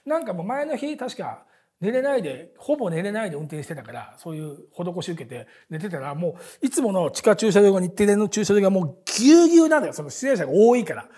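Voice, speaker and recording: A very husky, breathy man in his forties chats at a quick clip, his pitch swinging lively up and down. He rambles through anecdotes with plenty of fillers and restarts, laughing often as he goes. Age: 40s. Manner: chatty storyteller, many fillers and restarts; laughs often while talking. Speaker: podcast host. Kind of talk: casual rambling monologue.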